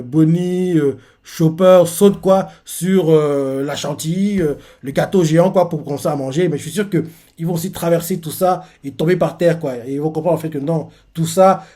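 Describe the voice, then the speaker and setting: A man's voice: a little high, fairly quick, mellow. A man reacting live to a manga chapter, rambling with many fillers and self-corrections.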